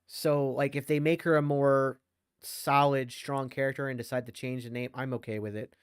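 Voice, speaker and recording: A man guesting on a casual podcast, his voice smooth and resonant. He weighs in with measured, agreeable opinions. The sound is dry and close. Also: mid-range voice, flat delivery, no echo.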